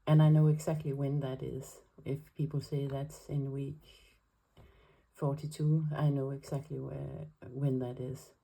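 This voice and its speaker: Over poor audio, a woman from Denmark speaks in a very deep, warm voice with vocal fry as she casually sets up her weekly planner for her vlog. Her English, a second language, carries a Danish accent, and she is hesitant and careful, with plenty of fillers.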